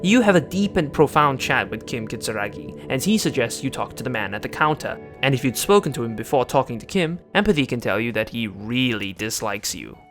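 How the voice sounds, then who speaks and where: A man's voice: medium pitch, animated, a little fast, few pauses, a bit bright, soft background music. Sarcastic man narrating a video essay. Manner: sarcastic, joking. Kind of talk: scripted commentary.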